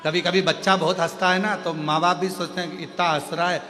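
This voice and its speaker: A man preacher telling a scripture story to a gathering, animated with emphatic rising calls. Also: high voice, fairly quick. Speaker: kathavachak preacher. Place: large religious gathering venue. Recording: long hall reverb, faint music.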